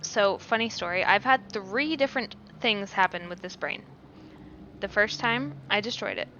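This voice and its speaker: Female gamer hosting a playthrough: casual, chatty, mid-pitched, clear background noise. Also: normal speed, a bit bright, highs cut off. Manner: chatty, reads choices aloud. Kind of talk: casual gameplay commentary.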